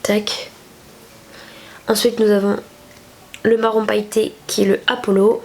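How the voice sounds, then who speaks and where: Speaking a little slowly in a mid-range voice with little pitch movement, a young French woman chats through a makeup tutorial. She's a beauty vlogger with a cold, nasal and stuffy-nosed, and her talk rambles along with many fillers.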